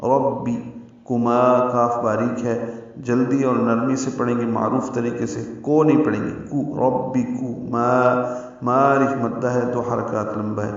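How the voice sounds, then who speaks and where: A man teaching Quran recitation rules, methodically sounding out letters and repeating words slowly. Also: mid-range voice, level tone. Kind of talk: tajweed lesson in Urdu. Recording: very echoey, distant, dull sound.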